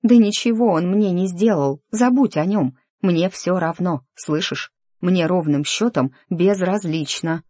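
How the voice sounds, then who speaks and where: A reader voicing an emotional young noblewoman in an audiobook, speaking in a pleading, higher voice. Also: lively intonation, normal speed, a little mellow, no echo, lightly acted. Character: young noblewoman, agitated and hurt. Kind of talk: audiobook character dialogue.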